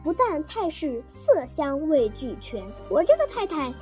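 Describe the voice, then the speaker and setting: A woman reading a first-person story aloud in an animated, playful way. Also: high voice, unhurried. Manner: animated, playful voicing of scenes. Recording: dry close sound, faint music. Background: faint music.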